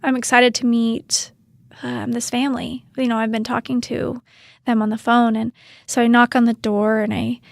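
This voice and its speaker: Tender, emotional woman doula, slightly high voice. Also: little pitch movement, normal speed, gravelly, dry recording, clean studio sound. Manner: emotional, soft-spoken, holding back tears. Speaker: doula and podcast co-host. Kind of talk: casual storytelling. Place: Utah.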